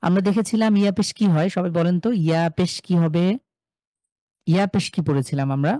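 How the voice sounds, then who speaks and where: A man's voice: sits high, moderate pace, mellow, dry recording, studio quality. A man teaching Quran recitation rules in a live online class, patiently repeating syllable drills and speaking to students by name. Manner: addresses students by name, reads chat replies.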